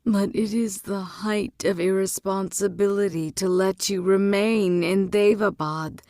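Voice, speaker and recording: A woman's voice: mid-range voice, a little mellow, dry recording, clean studio sound. A woman reading the part of a blunt young prince and worried elder brother, speaking urgently and insistently. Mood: pleading.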